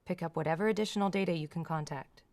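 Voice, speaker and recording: A woman playing a calm, quick counselor. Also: lowish voice, lightly acted. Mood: steady. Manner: calm, steady, reassuring. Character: calm, patient female counselor. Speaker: counselor in a demonstration session.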